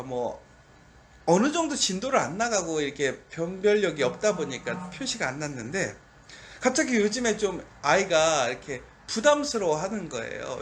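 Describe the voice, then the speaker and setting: A man's voice: high voice, fairly bright tone. A middle-aged man, a pastor, preaching at a dawn service in a conversational storytelling way, asking the listeners rhetorical questions.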